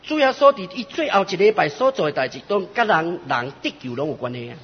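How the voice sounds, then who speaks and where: A man preaching a sermon in short phrases, pausing for interpretation, in a church hall. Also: high voice, very animated, husky. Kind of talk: sermon in Taiwanese Hokkien. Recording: lo-fi recording with long hall reverb.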